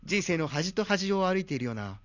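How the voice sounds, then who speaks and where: A man's voice: high voice, very animated, a little fast, fairly bright tone, no room sound, lo-fi sound. A man hosting a comic talk show, polite in his wording and wryly teasing. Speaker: host.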